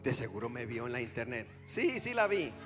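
A man preaching a revival sermon as pastor, who drops to quiet murmurs and then rises into impassioned shouting. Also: medium pitch, big pitch swings, brisk, music in the background. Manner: acts out church members' excuses in a hushed voice.

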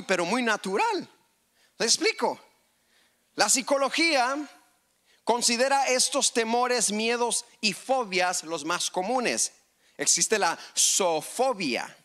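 A male preacher delivers an animated sermon in a church, quizzing his congregation and playing out little scenes. His voice sits high and sounds bright, with wide swings in pitch. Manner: animated, asks the crowd, acts out quotes. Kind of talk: lively sermon with audience questions.

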